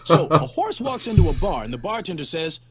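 A man's voice: on the high side, big pitch swings, brisk, music in the background. A man voicing a cartoon bar patron, delivering a joke setup in a plain drone. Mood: casual setup. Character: adult male bar patron telling a joke. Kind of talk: animated comedy dialogue.

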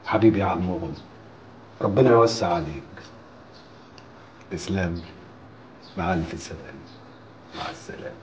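A man's voice: low-pitched, moderate pace, long pauses, a little hiss or hum, close to an everyday voice, poor audio. An actor playing a sly, jovial male captor with an Egyptian accent and a mocking way of talking. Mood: scheming. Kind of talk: film drama acting.

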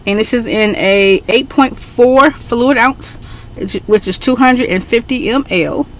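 A middle-aged woman talking casually on a home webcam in an excitable, chatty way, with frequent fillers. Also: a little high, unhurried, slight background noise. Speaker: beauty vlogger. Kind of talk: casual haul video. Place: bedroom at home, indoors. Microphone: webcam at desk.

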